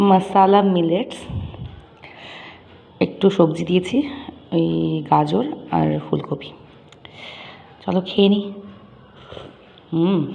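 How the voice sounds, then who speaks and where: A young woman in her early twenties with a Bengali accent, chatting quickly and casually in her daily vlog. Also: mid-range voice, creaky, a little hiss or hum. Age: early 20s. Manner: chatty, talks fast by habit. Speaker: vlogger.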